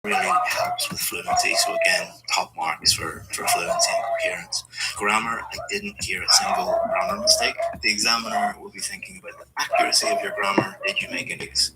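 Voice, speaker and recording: Low-voiced man giving exam feedback. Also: huge pitch swings, brisk, heavy background noise. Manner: encouraging, explanatory. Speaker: English speaking examiner.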